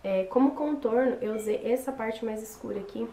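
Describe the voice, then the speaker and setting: A young woman, hoarse from a cold, chatting casually through a makeup tutorial. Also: a little high, normal speed, warm tone. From Brazil. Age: young adult. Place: small bedroom, indoors. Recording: roomy echo with background noise.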